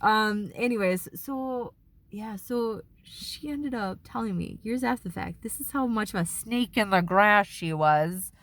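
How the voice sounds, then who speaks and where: A woman vlogging from her car in a casual, rambling monologue, swearing freely, filling every pause with "like" and slipping into heated rants. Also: mid-range voice, a bit bright. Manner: rambling and profane, heavy use of "like"; heated ranting. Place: inside a car.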